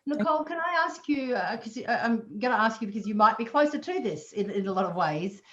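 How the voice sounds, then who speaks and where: A woman's voice: fairly high pitch, animated, a little fast, fairly bright tone, muffled recording. An Australian woman moderating a video call panel, thoughtful and searching as she asks questions.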